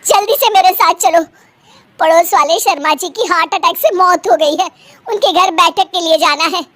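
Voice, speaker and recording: A woman voicing a middle-aged mother-in-law who is kind but quickly annoyed and scolds often, for a cartoon story. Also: very high-pitched, a bit bright. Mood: scolding. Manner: scolding, exclamatory.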